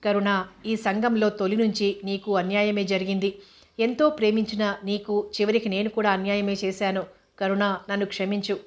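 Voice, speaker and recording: A woman's voice: mid-range voice, little pitch movement, normal speed, close to an everyday voice. A woman voicing a remorseful older man who pleads tenderly.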